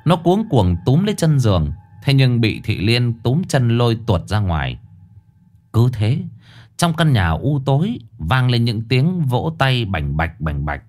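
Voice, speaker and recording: A man's voice: mid-range voice, big pitch swings, a little slow, darkish tone. A man narrating a ghost story in a colloquial, crude and dramatic manner.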